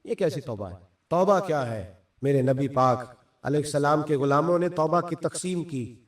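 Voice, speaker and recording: Impassioned preacher, high voice, echoey. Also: male voice, far from the mic. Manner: impassioned, rhetorical questions to the congregation. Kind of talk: sermon.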